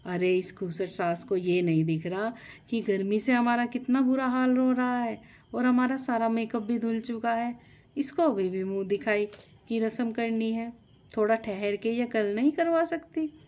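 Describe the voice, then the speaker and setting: A woman's voice: on the high side, measured pace, a little mellow, close to an everyday voice. A woman voicing a young bride who grumbles to herself about the heat and her ruined makeup in a storybook tale. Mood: grumbling. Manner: grumbling inner complaints.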